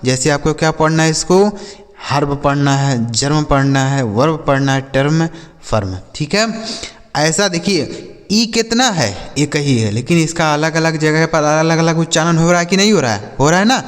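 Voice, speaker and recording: A male English teacher, teaching a class. He asks questions and answers them himself, and says words slowly, sound by sound. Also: fairly high pitch, animated, long reverb tail. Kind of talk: classroom-style lesson.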